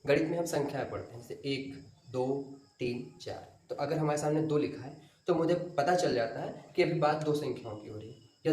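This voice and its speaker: A man's voice: fairly high pitch, a little mellow. A male teacher lecturing a class step by step, asking questions and then answering them himself. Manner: explains step by step, asks and answers own questions. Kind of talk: classroom lecture to exam students. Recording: roomy echo, from far off.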